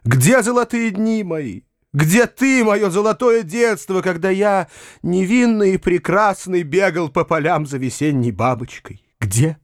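A man's voice: sits high, animated, unhurried, dry recording, studio quality, voice pushed up. A man voicing a self-pitying male hanger-on who wails and declaims hysterically in a read-aloud story. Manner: wailing, declamatory.

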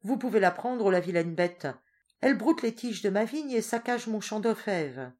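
A woman voicing a greedy, scolding older peasant woman in a storybook reading, with a shrill, grumbling and wheedling manner. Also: expressive, moderate pace, a little mellow, natural voice.

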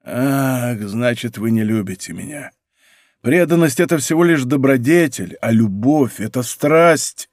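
An ardent nobleman, as a male reader voices him, pleading with passion in a mid-pitched voice. The sound is close and dry, straight from a studio microphone. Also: lively intonation, unhurried, a little mellow, no room sound, lightly acted. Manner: pleading, impassioned. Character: ardent lovesick nobleman minister. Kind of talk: audiobook character reading.

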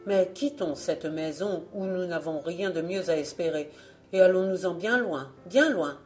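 A woman's voice: fairly low pitch, a little slow, faint music behind, close to an everyday voice. A woman voicing a young boy, a hungry and restless brother who speaks wearily and complains, in a storybook reading. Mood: despairing. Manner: weary, complaining.

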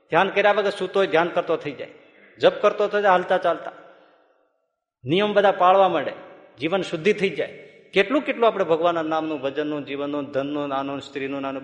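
Monk preaching in an echoey hall. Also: male voice, a little high, dull audio. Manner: lively storyteller, chuckling through funny anecdotes. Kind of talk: sermon with folksy storytelling.

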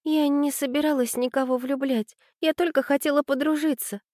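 A woman reading aloud and voicing an earnest, stubborn young girl in a high, pleading voice. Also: brisk, a little mellow, no echo, clean studio sound, lightly acted. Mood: flustered.

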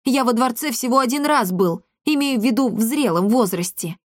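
A woman's voice: fairly high pitch, expressive, moderate pace, no room sound, clean studio sound, voice pushed up. Brief: plucky young hero, indignant, played by a woman narrator, storybook. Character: indignant brave young man.

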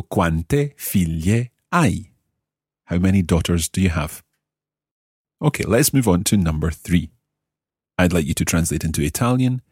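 A low-pitched man teaching a podcast language lesson, his voice lively and full of rises and falls. He has a slightly husky tone, recorded close and dry with no room sound. He talks in a clear, deliberate way and slows right down for example phrases. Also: dry recording.

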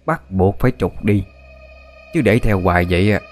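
A man playing a greedy old village healer woman in a spoken ghost tale, with his own deep voice barely changed. She sounds dismissive and sure of herself, with faint music behind. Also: normal speed, lightly acted. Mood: ominous. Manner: dismissive, matter-of-fact. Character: greedy, stern older female folk healer.

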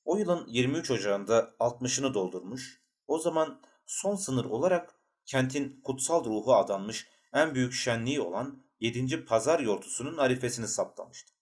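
A man narrating a literary novel as an audiobook, with a measured, even storytelling delivery. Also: mid-range voice, breathy edge.

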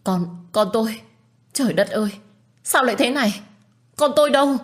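A woman's voice: a little high, lively intonation, normal speed, pitched above the performer's own voice, natural voice. A woman voicing a grief-stricken young wife who sobs and pleads as she speaks, in a read-aloud story. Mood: distraught. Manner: sobbing and pleading. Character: young woman grieving a lost pregnancy.

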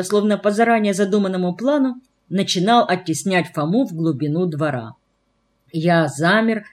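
A woman narrating a novel for an audiobook in an even, clear storytelling manner. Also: medium pitch.

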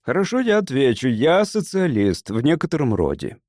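A composed English member of parliament, voiced by the narrator addressing a crowd in a spoken novel. His delivery is measured and persuasive, with lively pitch swings and a dry, close sound. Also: no room sound. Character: patient, determined English male politician.

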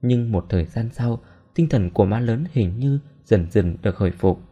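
A man narrating a story in a steady, somber reading voice. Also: fairly low pitch, normal speed, slightly rough, lo-fi sound. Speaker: audiobook narrator.

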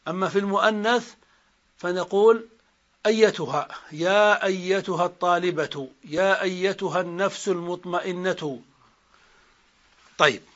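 A man gives a classroom grammar lecture in a fairly high voice. He explains step by step and slows down to repeat each example. The recording is dull and lo-fi. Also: fairly bright tone. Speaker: Arabic grammar teacher.

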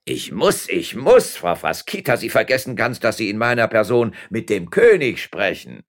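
A man's voice: on the low side, huge pitch swings, moderate pace, voice pushed up, full character voice. A man doing a pompous blustering old-world mayor. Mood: mocking. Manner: boastful, mocking, loud bluster. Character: pompous blustering middle-aged male mayor.

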